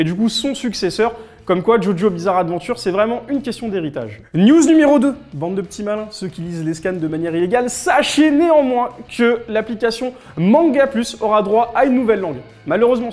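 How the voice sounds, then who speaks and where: A man with a high, light voice hosts a weekly news roundup, talking straight to camera in a loose, joking way. He keeps it chatty and informal and often turns to address his viewers. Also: a little mellow. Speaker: host of a weekly manga and gaming news show. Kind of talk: casual news recap to camera. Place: office.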